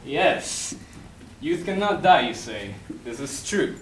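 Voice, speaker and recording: Death himself, acted by a young man, cunning and mocking in a theatrical stage manner. The voice is animated and gloating, echoing around the stage over clear background noise. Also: on the high side, slow pace. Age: young adult. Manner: gloating, sardonic, laughs often. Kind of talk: amateur stage play acting. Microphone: distant camera. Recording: echoey stage, distant camera mic, noisy.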